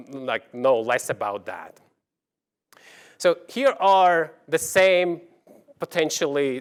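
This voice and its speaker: A man giving a keynote presentation in front of an audience, halting at times and leaning on key words for emphasis. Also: a little high, smooth. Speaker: keynote speaker, researcher. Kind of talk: conference keynote presentation with slides.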